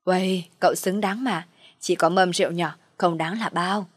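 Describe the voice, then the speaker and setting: A woman voicing a scheming middle-aged mother who laments loudly and theatrically. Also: fairly low pitch, steady tone, normal speed, dry recording, studio quality, natural voice. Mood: welcoming.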